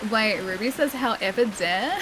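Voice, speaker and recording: Laughing often, an Australian woman chats casually with her audience while streaming a video game, reading their messages aloud. Her voice sits on the high side with lively intonation and a slightly slow pace, against a noisy background.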